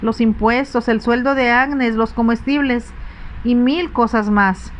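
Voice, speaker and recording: A woman voicing an anxious, sensible young stepdaughter, pleading earnestly in a soft, whispered role-play audiobook reading. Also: fairly high pitch, moderate pace, slight background noise, natural voice.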